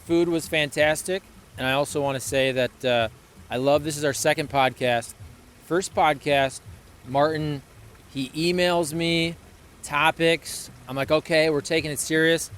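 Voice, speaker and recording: A man's voice: on the high side, fairly even intonation, a little slow, a bit bright, slight background noise. Chatty man in his thirties. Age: 30s. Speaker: podcast co-host. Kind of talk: casual chat.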